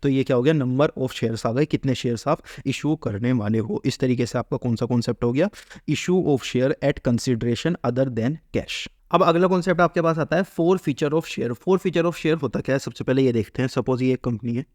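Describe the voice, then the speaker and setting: A man's voice: mid-range voice, fairly quick, few pauses, a little mellow, dry recording, studio quality. A man teaching accounting, who keeps asking questions and answering them himself and acts out what a company says. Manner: asks and answers his own questions, acts out the company's lines. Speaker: commerce teacher. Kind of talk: explaining an accounting lesson.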